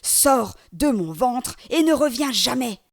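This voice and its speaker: A woman voicing a huge, greedy male monster spirit in a storybook reading, speaking loud and slow. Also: very animated. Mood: angry. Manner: booming, slow and drawn out.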